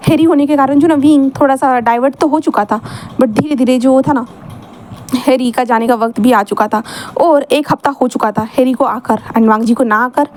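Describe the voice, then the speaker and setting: Casting: high-pitched woman, chatty storyteller, faint hiss behind. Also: steady tone, moderate pace, a little mellow. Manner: chatty, mixing in English words. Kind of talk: casual story narration.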